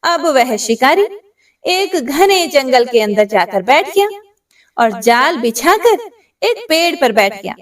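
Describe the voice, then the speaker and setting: Woman, devotional storyteller, gentle, speaks to devotees, high voice, slow pace. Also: sing-song. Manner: gentle, addresses devotees directly. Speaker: religious storyteller. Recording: voice distant from the mic.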